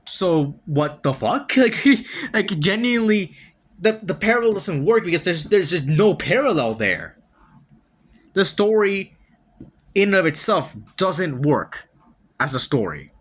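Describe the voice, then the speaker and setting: A man's voice: high voice, very animated, measured pace, breathy edge. A man hosting a solo podcast, reviewing a game in casual talk, rambling with many restarts, casual swearing and wry laughs. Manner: laughs wryly between points. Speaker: podcast host.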